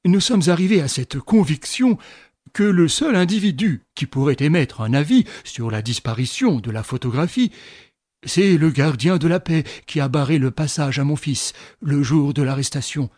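Old general, as a male reader puts him on, proud, pressing, raised voice, fairly high pitch, dry sound. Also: expressive, normal speed, darkish tone, dry recording. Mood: insistent. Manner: emphatic, raised and pressing delivery.

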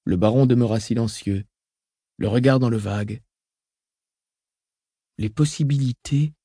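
A man narrating an audiobook in a measured, even reading. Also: lowish voice, no echo, studio quality.

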